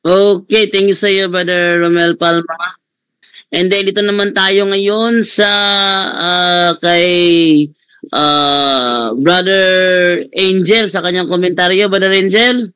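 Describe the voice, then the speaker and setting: A man's voice: high voice, steady tone, pushed and bright, clear, resonant tone, no room sound. A man moderating an online religious debate panel, calling on speakers by name. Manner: calls on speakers by name, unhurried.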